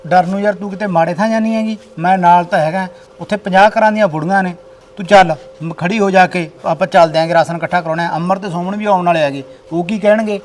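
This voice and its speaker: A man's voice: high voice, fairly even intonation, fast, close to an everyday voice. A man playing a grown village son, scolding and bossy in tone. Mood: persuading. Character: grown village son organizing flood relief. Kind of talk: village short film acting.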